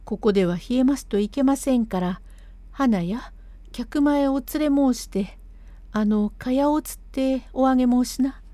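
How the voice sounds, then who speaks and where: A woman voicing a gentle young mistress of an old house, giving refined, caring instructions in old-fashioned speech. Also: sits high, a little slow, no echo.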